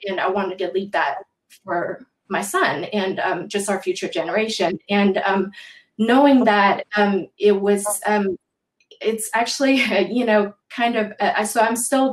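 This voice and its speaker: A woman's voice: medium pitch, reverberant, rough recording. Hesitant woman, a panel guest. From Taiwan. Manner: hesitant, many filler words. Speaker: panel guest, social practice artist. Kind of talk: casual panel talk.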